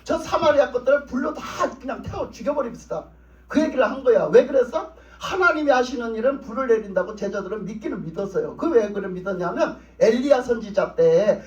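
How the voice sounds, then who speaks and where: High-voiced preacher in an echoey church. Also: male voice, animated, quick pace, hardly any pauses. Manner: asks the congregation questions and answers them; plain conversational speech with repeated phrases. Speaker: pastor. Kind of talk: sermon. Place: church sanctuary. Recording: roomy, distant, dull church recording.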